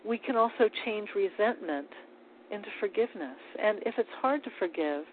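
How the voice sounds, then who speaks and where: A woman giving a calm, measured spiritual talk on prayer, with small restarts as she speaks. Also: medium pitch. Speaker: spiritual teacher. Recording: tinny phone-like line with faint hiss.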